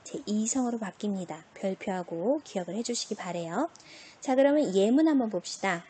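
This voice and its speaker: A woman teaching an online Chinese pronunciation lesson, drawing out example words slowly and asking and answering her own questions. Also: mid-range voice, expressive, mellow, a little hiss or hum.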